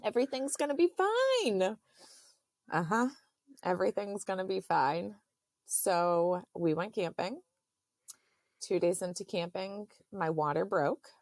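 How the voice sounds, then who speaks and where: A woman in her thirties, a podcast guest, telling a personal story in a halting, earnest way with many fillers. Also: on the low side, fairly even intonation, a little mellow, no echo, studio quality.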